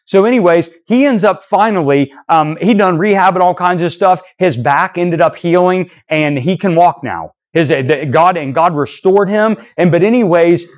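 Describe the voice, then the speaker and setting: Male preacher, rambling storyteller, higher-pitched, lo-fi church recording. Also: normal speed, hardly any pauses. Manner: rambling, repeats "so anyways" and restarts, acts out quoted dialogue. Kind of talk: sermon storytelling.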